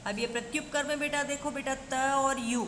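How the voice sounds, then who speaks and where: Woman teacher, slightly high voice, slow and patient with examples; echoey room, faint hiss. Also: fairly even intonation, fairly bright tone. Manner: slow, listing examples one by one, calls students "beta". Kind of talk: classroom grammar lesson. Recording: echoey room with long reverb, faint noise.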